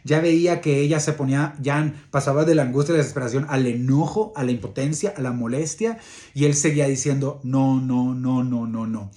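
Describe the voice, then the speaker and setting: A man giving a leadership coaching talk, earnest and repetitive, halting with fillers as he tells a workplace story. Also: a little high, dark tone. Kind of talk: motivational talk with anecdote.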